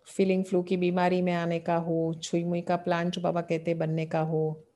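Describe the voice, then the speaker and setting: A woman gives a devotional talk in a mellow, warm voice. She poses questions to her listeners and answers them, returning again and again to the same phrases. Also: on the low side. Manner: asks rhetorical questions and answers them, repeating key phrases. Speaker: spiritual teacher. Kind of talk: devotional sermon explaining scripture.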